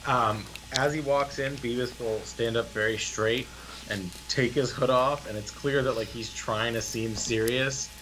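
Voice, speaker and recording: A man's voice: medium pitch, steady tone, measured pace, noisy background. A young man playing a tabletop game, talking casually with some hesitation. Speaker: player. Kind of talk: casual tabletop role-play.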